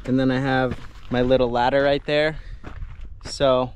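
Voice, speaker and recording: A man's voice: mid-range voice, flat delivery, a little slow, slight background noise. A young man narrating his own outdoor photography vlog, chatty and upbeat, talking into an action camera outdoors while hiking. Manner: chatty, upbeat, explains gear as he goes. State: out of breath at times. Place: outdoors on a desert hike. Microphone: action camera mic.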